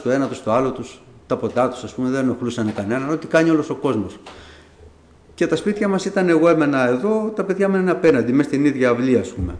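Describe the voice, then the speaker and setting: In an echoey room, a middle-aged man shares his personal faith testimony with his congregation, telling it as a casual story and performing the conversations he recalls. He is a church member, and his slightly mellow voice runs somewhat high.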